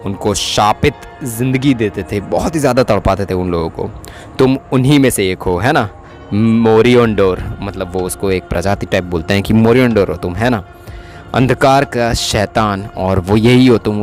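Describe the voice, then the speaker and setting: Low-voiced man casually retelling a plot. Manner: chatty retelling with frequent tag questions. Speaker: series recap narrator. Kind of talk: casual Hindi plot recap.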